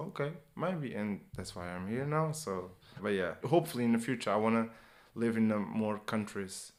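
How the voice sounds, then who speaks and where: A man in his twenties from Portugal with a Portuguese accent, talking at length in an animated, casual way in English as an interview guest, often adding "you know". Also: mid-range voice. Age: 20s. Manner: animated, talkative non-native English with repeated "you know". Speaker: guest, personal trainer and former sprinter. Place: indoors, interview in England.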